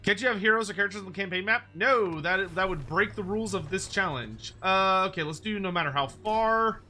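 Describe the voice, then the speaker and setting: A man streams a strategy game in a bright, slightly high voice. He chats casually and playfully, with wry asides and mild swearing. Music plays behind him. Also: fairly quick. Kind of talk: casual gameplay commentary.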